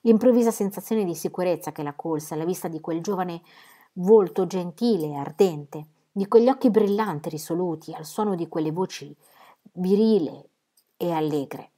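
A woman reads a novel aloud in a warm, mellow voice that sits on the low side. Her storytelling is measured and expressive, the steady pace of an audiobook. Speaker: reader. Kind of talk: audiobook narration.

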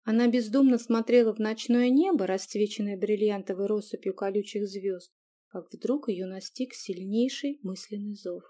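A woman reading a fantasy story aloud as a calm, measured audiobook narrator. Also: medium pitch. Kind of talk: scripted narration.

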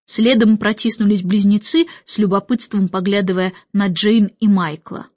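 A woman narrating a children's storybook in a lively, expressive way. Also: medium pitch, moderate pace, no echo, muffled recording. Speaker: audiobook reader.

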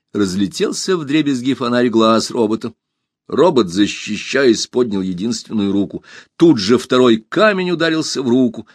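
A man narrating a children's storybook in a calm, even reading voice. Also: mid-range voice, no echo, clean studio sound.

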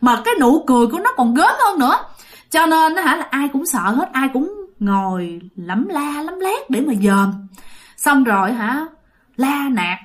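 A woman's voice: high-pitched, big pitch swings, moderate pace. A woman telling a ghost story in a chatty way, talking straight to listeners. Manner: chatty, addresses listeners directly.

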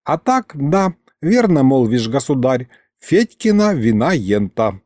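A man's voice: medium pitch, big pitch swings, unhurried, a little mellow, dry recording, clean studio sound. A man voicing a folksy, complaining old grandfather in a storybook reading. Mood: plaintive. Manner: old-fashioned folksy speech. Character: old grandfather-like male court servant, folksy and plaintive.

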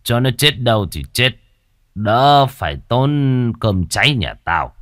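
A man's voice: mid-range voice, sing-song, takes it slowly, fairly bright tone, no echo, studio quality, pitched above the performer's own voice. A man doing a sneering cruel old landlord. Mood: harsh. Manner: sneering, mocking laughs. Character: cruel old male village landlord, gloating.

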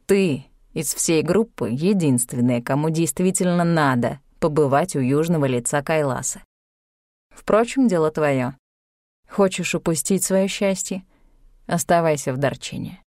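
A woman reading an audiobook, voicing a solemn, measured male Tibetan guide. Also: deep voice, darkish tone, no echo, clean studio sound, voice pushed down. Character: low, slow-spoken Tibetan male guide. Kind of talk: audiobook character voice.

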